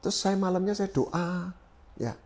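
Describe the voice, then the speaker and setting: A middle-aged man from East Java, a pastor telling his personal testimony in an interview, animated and swinging between loud and soft as he acts out his own prayers, with English phrases dropped in. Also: sits high, measured pace. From East Java, Indonesia. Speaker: pastor, guest.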